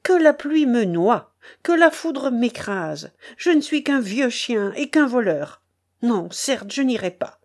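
A woman voicing a bitter, dying old grandfather with a hoarse, choked voice and anguished outbursts. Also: a little high, animated, unhurried, darkish tone. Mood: furious. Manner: anguished outbursts, pleading to God.

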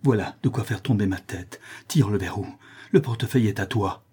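A man voicing a cruel, scheming male notary who confesses his crimes and then grows frantic, with a dark husky voice. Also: fairly low pitch, a little fast. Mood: frantic urgent. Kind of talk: audiobook character reading.

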